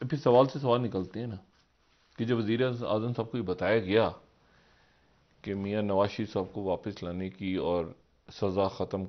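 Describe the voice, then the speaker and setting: Rambling man, TV political commentary. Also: highs cut off. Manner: rambling, asks rhetorical questions, swings from low murmurs to raised emphatic peaks. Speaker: political analyst on a TV talk show. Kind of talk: live TV current-affairs commentary.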